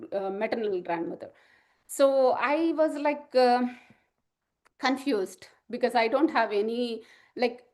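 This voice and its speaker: A middle-aged woman, sharing an emotional personal testimony in a halting way, full of fillers and restarts. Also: on the high side, darkish tone. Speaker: spiritual group member sharing testimony.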